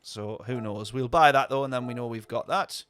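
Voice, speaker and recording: Casting: male streamer, rambling casual commentary, average pitch, dry close sound. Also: moderate pace, a bit bright, smooth, no room sound. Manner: rambling, chatty, answers viewer chat. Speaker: sim-racing streamer.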